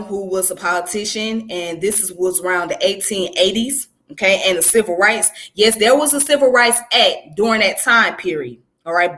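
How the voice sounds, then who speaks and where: With a mid-range, fairly bright voice, this woman from Georgia, in the southern U.S., presents history informally. She explains things conversationally and frequently checks in with her listener.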